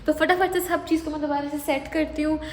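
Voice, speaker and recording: A young woman from India talks casually through her day for her vlog, mixing in bits of English. Her voice sits slightly high, and she sounds relaxed at home. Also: fast, slight background noise. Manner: chatty, mixes English phrases into her talk; softly whispered, quiet talk. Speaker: vlogger. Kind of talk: casual daily vlog chat.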